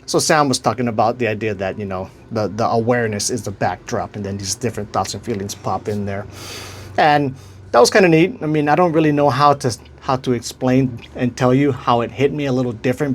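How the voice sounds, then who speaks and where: A man with a Hawaiian accent talks casually to his viewers as the host of his own channel. His voice sits at an ordinary middle pitch. He rambles and restarts as he searches for the right words. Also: brisk. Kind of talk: casual vlog talk.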